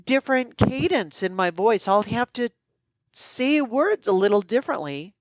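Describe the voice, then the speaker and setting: A woman's voice: a little high, lively intonation, moderate pace, no room sound, dull audio. A woman co-hosting a podcast who talks in an earnest, reflective way, stretching her vowels with a sing-song lilt. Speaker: podcast co-host. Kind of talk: casual conversation.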